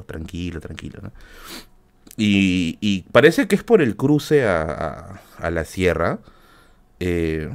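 A man with a Peruvian Spanish accent tells a casual, comic story. His voice sits low, but it swings widely in pitch as he leans into the telling. He swears freely and scatters fillers and tag questions through his speech. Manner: animated, profane, many fillers and tag questions. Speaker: podcast host.

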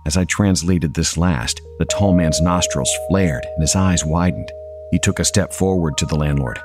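Deep-voiced male story narrator. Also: normal speed.

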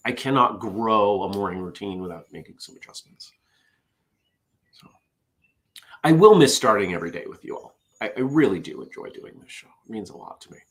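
A man's voice: fairly low pitch, expressive, normal speed, a bit bright. A middle-aged man hosts a casual morning show, chatty and self-deprecating as he reads out corny puns. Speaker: host. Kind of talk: casual morning show chat, reading jokes.

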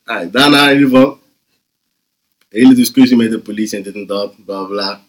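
A young man, telling an animated, slang-heavy story on a casual podcast and often laughing. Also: lowish voice, a little fast. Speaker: podcast host.

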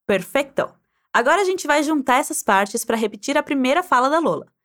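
A woman's voice: high-pitched, animated, a little fast. A woman teaching Spanish, guiding the listener through pronunciation drills and prompting them to repeat aloud.

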